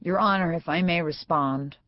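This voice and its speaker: A woman's voice: fairly low pitch, normal speed, pitched above the performer's own voice, natural voice. A woman doing a flustered hapless lawyer. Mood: nervous. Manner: flustered, hesitant. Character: nervous hapless male lawyer. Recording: dull dry studio sound.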